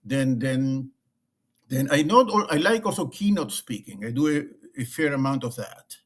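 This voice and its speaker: In a conversational interview, a middle-aged Argentine leadership consultant talks with an Argentine Spanish accent. His mid-range voice is animated and a bit bright at a moderate pace, with many restarts and repeated words.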